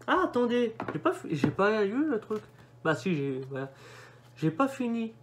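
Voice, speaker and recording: A man's voice: sits high, big pitch swings, normal speed, slight background noise. A young man reading setup prompts aloud in a casual commentary, dropping offhand remarks as he goes. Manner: reads setup prompts aloud and mutters asides. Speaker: vlogger doing a device setup.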